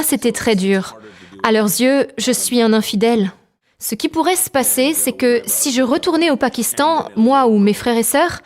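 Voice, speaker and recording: A woman giving a calm, measured personal testimony as a translated voice-over. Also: high-pitched. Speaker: testimony narrator.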